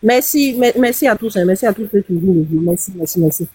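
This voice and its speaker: Moderator, husky, quick pace, dry close sound, urging viewers. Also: medium pitch, animated, a little mellow, rough recording. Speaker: live stream moderator. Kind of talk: live stream hosting.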